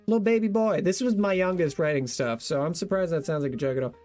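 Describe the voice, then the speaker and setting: A man's voice: a little high, quick pace, a little mellow, soft background music. A young man streaming casually, reading out his old joke notes, laughing at himself and thanking viewers. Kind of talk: casual livestream chat.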